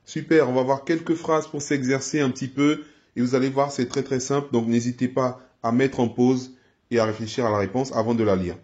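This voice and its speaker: A man from Côte d'Ivoire teaching a language lesson in a video, patiently repeating words and phrases slowly for his viewers to practice. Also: medium pitch, fairly even intonation, a little mellow. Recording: slightly dull lo-fi sound.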